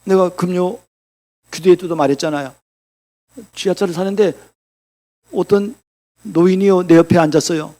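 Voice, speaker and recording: Male pastor, high-pitched, sermon delivery with sudden loud-to-quiet swings, keeps asking the congregation questions. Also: fairly even intonation, normal speed, pauses often. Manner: emphatic, rhetorical questions to the congregation; swings between loud declarations and quiet asides. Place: church.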